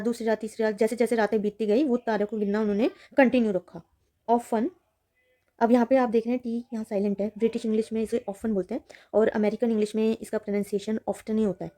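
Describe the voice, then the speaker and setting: A woman teaching a children's reading lesson, reading lines slowly and then explaining them in Hindi. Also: on the high side, warm tone. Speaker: English teacher.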